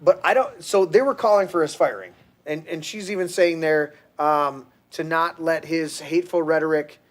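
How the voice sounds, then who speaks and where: A man's voice: on the high side, normal speed. A middle-aged man hosting a podcast, ranting heatedly and crudely with frequent restarts. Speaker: podcast host. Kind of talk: casual profane rant.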